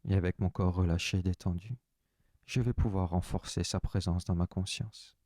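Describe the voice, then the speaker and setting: A man leading a guided relaxation session, giving calm, soft, unhurried instructions in the first person. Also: deep voice, no room sound, clean studio sound.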